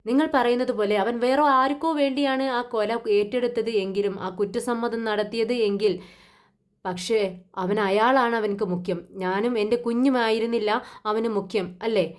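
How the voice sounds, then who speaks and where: A woman voicing a defiant young wife who answers back with sharp, accusing questions. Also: on the high side, fairly even intonation, normal speed, close to an everyday voice.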